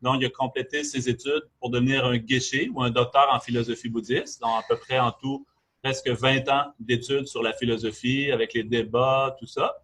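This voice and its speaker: A man with a Québécois French accent, speaking at a middle pitch as he opens a conference. He introduces the guest in an unhurried, halting manner, linking his thoughts loosely with "donc". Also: flat delivery, a bit bright, slightly rough. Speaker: event host introducing a speaker.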